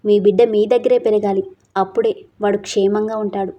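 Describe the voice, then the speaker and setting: A woman voicing a kind, patient older woman who runs an orphanage and speaks in a soft, coaxing tone. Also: mid-range voice, fairly even intonation, a little fast, muffled recording, natural voice. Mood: gentle.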